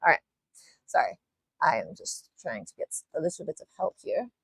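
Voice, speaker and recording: A woman with a low voice whose pitch moves a lot, talking through a live nail art tutorial. Her talk rambles, she apologizes often, and she swears now and then. The sound is dry and close. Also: very animated, brisk, fairly bright tone, slightly rough, no echo. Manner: casual, with mild swearing. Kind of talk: live-stream tutorial chat.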